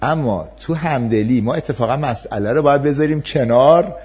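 A man's voice: medium pitch, darkish tone, husky. A man giving an explanatory talk to an audience on parenting and empathy, acting out parent and child voices in his examples.

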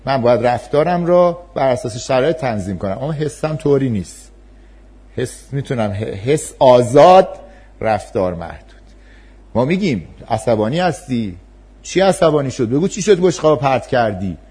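A man's voice: mid-range voice, big pitch swings, dark tone, slightly rough. A man giving an explanatory talk to an audience on parenting and empathy, acting out parent and child voices in his examples.

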